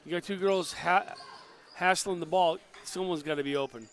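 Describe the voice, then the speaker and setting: A fairly high-voiced man calls a local girls' basketball game. He talks like a fan in the booth, telling the players to push the ball and stop the girl with the ball. His voice sits a bit above most men's. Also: moderate pace, a bit bright, a little hiss or hum. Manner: partisan, coaching the players from the booth. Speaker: color commentator.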